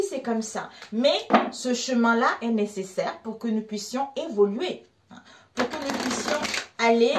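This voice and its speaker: Woman, a tarot reader chatting with viewers, lively and laughing, higher voice, recorded a bit off-mic in an echoey room with faint background noise. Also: recorded from a distance. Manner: animated, laughs often, addresses viewers as friends. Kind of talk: live tarot reading chat.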